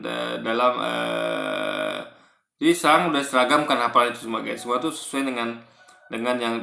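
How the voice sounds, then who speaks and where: A man's voice: medium pitch, vocal fry, sharp tone, reverberant. A man giving casual commentary on a clip, explaining with long examples and often tagging "guys" onto his sentences.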